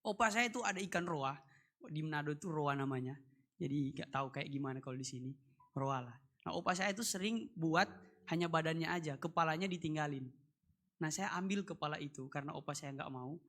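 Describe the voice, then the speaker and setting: A male pastor from North Sulawesi preaching a sermon at a church service and telling a personal testimony, moving between loud emphatic lines and quiet storytelling. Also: fairly high pitch, brisk.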